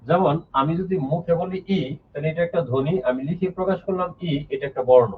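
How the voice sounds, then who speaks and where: A man's voice: fairly high pitch, brisk, far from the mic, slight background noise. A man teaching a live online grammar lesson, explaining step by step, repeating key points and reading out viewers' names. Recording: lo-fi phone-like sound from off the mic.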